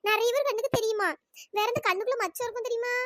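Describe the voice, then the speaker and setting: A woman's voice: very fast, a bit bright, slight background noise. A woman voicing a bossy elder sister in a cartoon story, talking. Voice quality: pitch-shifted high voice. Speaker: cartoon voice performer.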